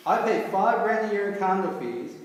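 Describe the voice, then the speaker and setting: A man voicing a loud, irritable, heavyset old condo owner who rants angrily, heard from far off in an echoey hall. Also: high-pitched, normal speed, slight background noise, natural voice. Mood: indignant. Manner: blustering, angry shouting.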